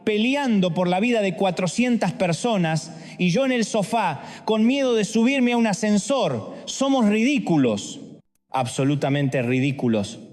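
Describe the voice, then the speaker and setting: A man preaches a sermon, his voice high for a man. He hits his listeners with one rhetorical question after another, jumping from loud to hushed. His words ring out with a long, lingering reverb.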